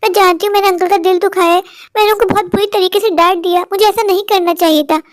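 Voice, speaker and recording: A very high-pitched cartoon schoolgirl. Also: steady tone, no echo, clean studio sound. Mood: anxious. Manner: quick sharp scolding. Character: schoolgirl daughter, hot-tempered, then remorseful. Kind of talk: cartoon voice acting.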